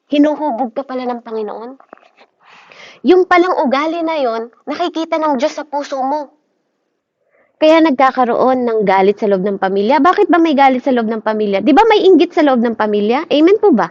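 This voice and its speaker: A woman's voice: high-pitched, no room sound, dull audio. A woman preaching a sermon, often asking her listeners questions and mixing in English phrases.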